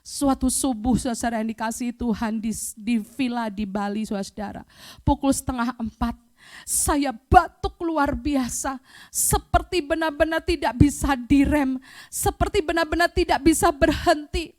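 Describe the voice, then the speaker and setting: A middle-aged woman pastor giving a fervent sermon, often rising to loud, emphatic cries. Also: sits high, a little slow. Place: church, streamed online.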